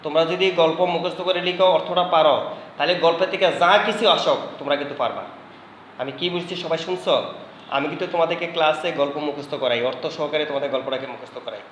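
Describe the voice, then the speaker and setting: A man with a Bangladeshi Bengali accent teaching a home lesson, dictating word lists slowly and repeating them for students. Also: a little high, fairly bright tone, a little hiss or hum. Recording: echoey room with faint ambience.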